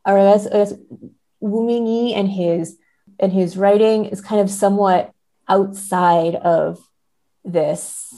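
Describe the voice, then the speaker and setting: Warm in tone and mid-range in pitch, this podcast guest works through ideas about literature out loud. She hedges and hesitates a lot, frequently tacking on "right?" to win agreement.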